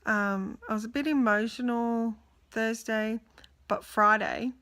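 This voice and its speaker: A woman's voice: on the high side, steady tone, a little slow, sharp tone. Weary woman vlogging candidly. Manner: candid, rambling, tired. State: exhausted and emotional. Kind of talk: casual personal video diary.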